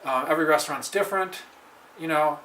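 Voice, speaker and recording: An American man giving a casual, halting spoken lesson on a phrase he is learning, with frequent restarts and slow repetitions of practice phrases. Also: a little high, sharp tone. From United States. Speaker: language learner vlogger. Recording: echoey room, faint ambient noise.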